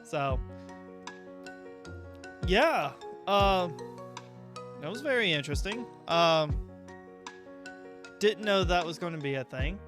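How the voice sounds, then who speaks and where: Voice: medium pitch, animated, slow pace, long pauses. A streamer giving casual reaction commentary in loose, hesitant phrasing. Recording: loud music under the voice. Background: music.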